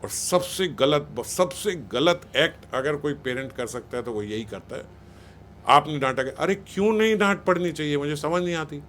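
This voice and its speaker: A man's voice: on the high side, animated, moderate pace, hardly any pauses, fairly bright tone, slight background noise. A man giving a spiritual talk on raising children, conversational and scolding, often acting out what parents and teachers say. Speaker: spiritual speaker.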